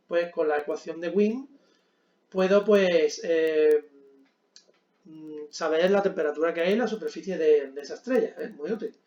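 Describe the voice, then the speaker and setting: High-voiced man teaching physics at a board. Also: a little mellow, echoey room, lo-fi sound. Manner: explanatory, frequent "¿vale?" check-ins and fillers. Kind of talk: whiteboard physics lesson.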